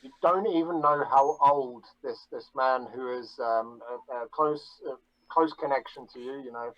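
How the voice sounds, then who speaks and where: A man chatting casually on a podcast, bragging about himself in a deadpan, mock-grandiose way. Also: medium pitch, normal speed, no echo, muffled recording. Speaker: guest.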